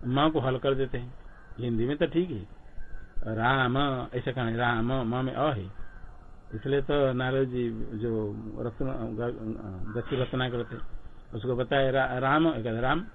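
A man lecturing at an ashram on Sanskrit accents and pronunciation, his voice at an ordinary middle pitch. He goes slowly and patiently, repeats words aloud again and again, and puts questions to the class. The recording sounds thin and phone-like. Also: steady tone, a little hiss or hum. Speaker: swami teaching Sanskrit scripture.

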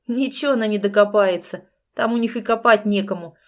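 A woman reading an audiobook, voicing a smug, menacing middle-aged male crook who mocks and threatens in a loud, casual way. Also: medium pitch, fairly quick, close to an everyday voice. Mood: gloating menace. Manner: mocking, gloating, casually threatening.

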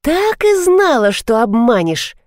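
A woman's voice: fairly high pitch, expressive, a little slow, a little mellow, no echo, clean studio sound, pitched above the performer's own voice. A woman voicing a pushy, frantic young mother who is insistent and tearful. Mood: demanding.

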